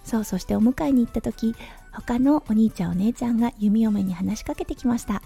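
A woman in her thirties hosts her own podcast, telling everyday stories in a gentle, chatty flow with soft fillers. Her voice sits a bit high, but it sounds very dark and husky. Faint music plays quietly behind her. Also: brisk. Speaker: podcast host. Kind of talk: casual solo talk radio.

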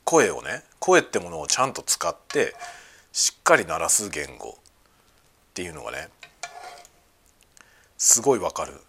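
A man hosting a casual podcast chat, talking excitedly at home while he cooks and eats lunch. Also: low voice, measured pace, creaky, long pauses, a little hiss or hum. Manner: excited, talkative. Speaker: podcast host. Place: at home, cooking and eating lunch.

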